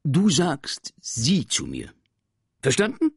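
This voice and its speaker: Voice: medium pitch, wildly swooping pitch, drawn-out words, husky, no echo, clean studio sound, pitched above the performer's own voice, exaggerated voice. A reader voicing a strict, pompous male schoolteacher who barks indignantly. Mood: stern. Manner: barking, indignant, loud. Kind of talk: reading a children's book aloud.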